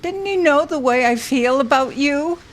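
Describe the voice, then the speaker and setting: In an audio drama, a woman plays a fragile, moody widow consumed by guilt, speaking haltingly and quietly and often dropping into whispers. Her voice sits high and expressive, sounding regretful and shaken.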